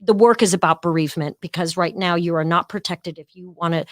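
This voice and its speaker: A middle-aged woman, a podcast guest, telling a story in an animated way and acting out the voices of the people she quotes. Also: fairly low pitch, fairly quick, dry recording, clean studio sound. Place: podcast studio.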